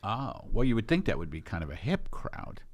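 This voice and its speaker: A man's voice: lowish voice, very animated, a little fast. A middle-aged man hosting a casual comedy podcast, rambling through mock-serious, sarcastic riffs. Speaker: podcast host.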